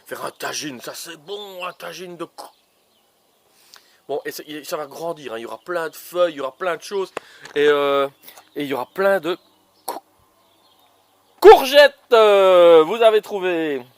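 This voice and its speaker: A man's voice: fairly high pitch, normal speed. A man in his outdoor garden, planting seedlings and teasing kids to guess each vegetable, with lots of fillers. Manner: playful, teasing guessing games, many fillers. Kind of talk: casual gardening show for children.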